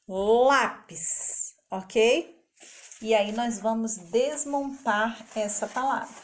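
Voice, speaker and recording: Slow, careful woman teacher. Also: a little high, slight background noise. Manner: slow, careful syllable-by-syllable explanation. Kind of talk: recorded literacy lesson for teachers.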